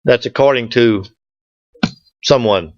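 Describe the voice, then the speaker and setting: A club presenter speaks slowly in a mid-range voice while giving a casual slide presentation, standing at a meeting-room lectern and joking folksily with his audience as they respond. The dull, lo-fi room recording carries a little hiss or hum.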